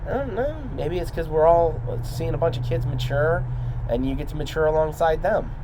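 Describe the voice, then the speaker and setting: A man talking casually and confidingly, as in a vlog, in a halting, rambling, reflective way. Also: fairly high pitch, noisy background. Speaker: trainee wrestler.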